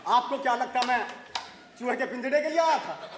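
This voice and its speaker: An actor playing a vain, flirtatious neighbour who insists on being called doctor, talking in a boastful, joking way in a TV sitcom. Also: male voice, extremely high pitch, animated, fairly quick, background noise. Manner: boastful, jokey, laughing. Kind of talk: sitcom acting. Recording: roomy studio set.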